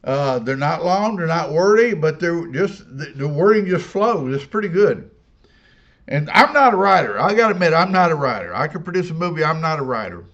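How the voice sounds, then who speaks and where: A man with a fairly high voice hosts his own paranormal channel, chatting straight to camera. He rambles in a stop-and-start way, full of fillers and repeated words, and recommends things in a friendly tone. The recording sounds dull and muffled. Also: sing-song, a little fast, a bit bright. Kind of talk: casual talk to camera.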